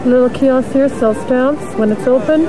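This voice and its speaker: A woman's voice: sits high, normal speed. A woman narrating her own home video as she films a trip, pointing out sights in short, plain remarks. The sound is old camcorder audio. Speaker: family traveler filming a trip. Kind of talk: casual narration behind a home video camera. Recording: noisy old camcorder audio on a moving train.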